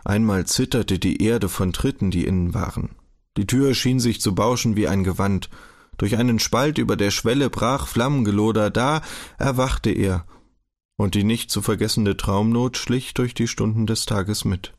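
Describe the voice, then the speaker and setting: A man narrating a historical novel for an audiobook, his delivery measured and steady. His voice sits on the lower side. The reading stays even and unhurried.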